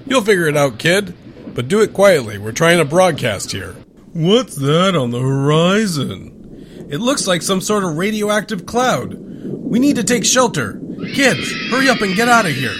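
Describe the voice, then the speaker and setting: An actor playing a weary, exasperated radio host in a post-apocalyptic comedy audio drama, announcing with theatrical flair. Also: male voice, high voice, big pitch swings, unhurried, noisy background. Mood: weary, dry, then urgent.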